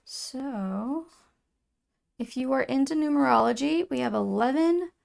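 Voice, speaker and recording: A woman reads tarot cards for her viewers in a soft, earnest way, pausing and restarting as she goes. Her voice carries a gravelly fry, and she takes her time over every phrase. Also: high-pitched, animated. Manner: soft, earnest and emotional, with many fillers and restarts. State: tearful at times. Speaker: tarot reader. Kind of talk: intuitive tarot reading to camera.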